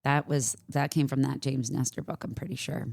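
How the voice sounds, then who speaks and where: A woman's voice: rumbling low, flat delivery, moderate pace, gravelly, darkish tone, dry recording, clean studio sound. A woman co-hosting a yoga podcast in casual chat, chatty and upbeat, with lots of "like" and "right?". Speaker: yoga teacher and podcast co-host.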